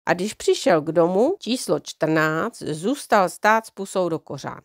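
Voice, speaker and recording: A woman reading a children's book aloud in a calm, even storytelling manner, her voice slightly under the weather. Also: on the low side, dry recording, clean studio sound. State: slightly unwell voice. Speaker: audiobook reader.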